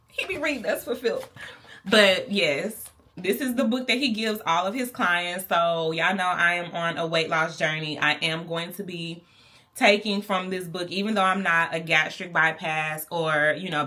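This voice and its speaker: Chatty Texan woman, low and bright. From Texas. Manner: chatty, playful, colloquial. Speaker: vlogger. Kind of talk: casual vlog talk to camera.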